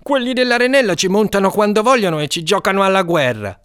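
A man voicing a brash, defiant young boy who shouts scornfully. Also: high voice, expressive, fast, smooth, pitched above the performer's own voice.

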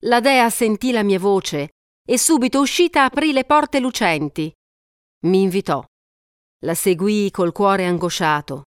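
A woman narrating an epic poem aloud in a measured, steady storytelling voice. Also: medium pitch, smooth, no room sound, studio quality.

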